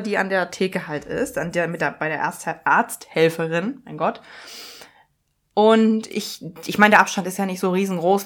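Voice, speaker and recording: Lebhafte Frau erzählt eine Alltagsgeschichte. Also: female voice, mid-range voice. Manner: lively, acts out other people's lines in quotes; chatty, mixes English words into speech. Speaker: podcast host and coach. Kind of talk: casual storytelling monologue.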